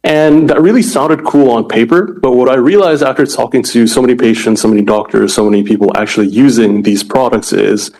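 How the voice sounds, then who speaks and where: A man's voice: mid-range voice, fairly quick, few pauses, a little mellow, low-quality recording. A man in his twenties from Indonesia, a startup founder explaining his product earnestly in an interview. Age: 20s. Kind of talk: interview answers.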